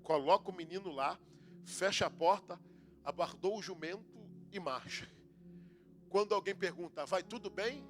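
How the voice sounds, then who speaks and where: A Brazilian man preaching as a pastor in a church, building from low storytelling to shouted preaching, then praying. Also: moderate pace, long pauses, faint music behind. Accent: Brazilian Portuguese. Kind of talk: Pentecostal sermon and prayer. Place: church sanctuary.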